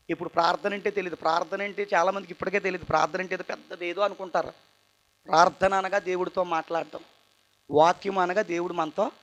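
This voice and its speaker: A young man telling his personal testimony at a church youth meeting, tired and earnest, his voice moving between loud bursts and quiet asides. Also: on the high side, muffled recording. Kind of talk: emotional testimony sermon.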